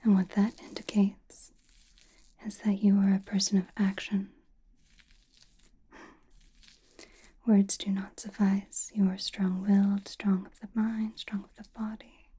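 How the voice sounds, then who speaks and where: A woman playing a confident, mysterious witch and fortune teller in an ASMR roleplay, whispering breathily in a slow, soothing way with musing pauses. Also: medium pitch, level tone, warm tone, slightly rough. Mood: musing, intimate.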